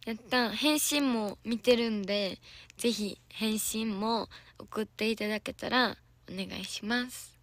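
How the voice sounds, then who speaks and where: Casting: young woman, Kansai accent, hoarse today, bright edge, giggly livestream chat. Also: fairly high pitch, a little slow, no room sound. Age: young adult. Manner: giggly, chatty, answering viewer comments. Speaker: idol trainee. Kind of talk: casual livestream chat with viewers. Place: soundproof lesson room.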